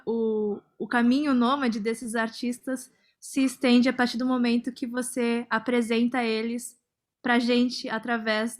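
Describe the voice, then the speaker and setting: A woman with a slightly high voice that stays fairly level asks questions on an online academic panel. She speaks in a measured way and reads a colleague's question aloud. The sound comes through a video call. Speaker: panel participant asking a question.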